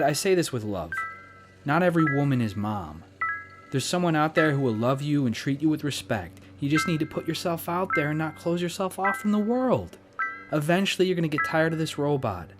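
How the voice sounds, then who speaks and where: A man's voice: a little high, voice pushed up, natural voice. Man voicing a laid-back young guy. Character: grown son and slacker young repairman, casual. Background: music.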